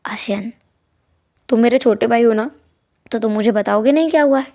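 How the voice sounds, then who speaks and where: A woman voicing a caring older sister who speaks in a soft, comforting way. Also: fairly high pitch, brisk, lightly acted. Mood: soothing.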